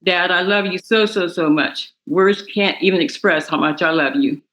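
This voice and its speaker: A young woman, the victim's daughter, reading a prepared impact statement aloud in a courtroom, emotional and halting, stumbling and restarting words. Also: on the low side, fairly bright tone, poor audio. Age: young adult.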